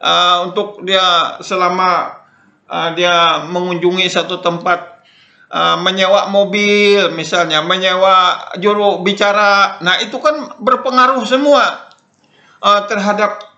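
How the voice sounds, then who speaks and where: An older man lectures in a loose, spoken way, circling back to repeat his points and leaning on "nah" and "eh" between phrases. His voice sits high and sounds bright, and the room gives it a clear echo. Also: fairly even intonation, unhurried, dull audio. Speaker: lecturer on Dayak Ngaju language. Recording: echoey room.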